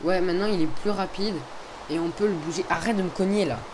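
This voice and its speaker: A man's voice: sits high, fast talker. A young man giving casual, chatty gameplay commentary, hesitant and full of fillers, recorded on a headset. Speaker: video host. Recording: faint background noise.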